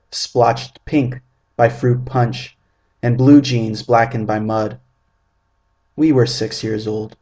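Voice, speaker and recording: A man in his twenties reading his own first-person story aloud in a measured, vivid, descriptive way. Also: mid-range voice, darkish tone. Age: 20s.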